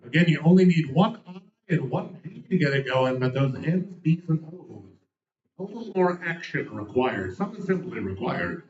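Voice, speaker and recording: A man's voice: fairly high pitch, very animated, darkish tone. Joking man calling bingo, roomy lo-fi. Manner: playful, punning lead-ins before each number, repeats the digits slowly. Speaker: bingo caller. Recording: roomy, dull lo-fi sound.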